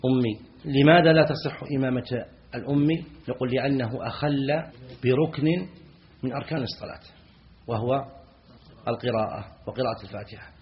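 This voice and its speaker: Man teaching a classical text, lo-fi recording. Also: mid-range voice. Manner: reads a line of the text slowly, then explains with rhetorical questions to the students; repeats key words for emphasis. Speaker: Islamic scholar teaching a jurisprudence text. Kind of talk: classroom lesson explaining a text.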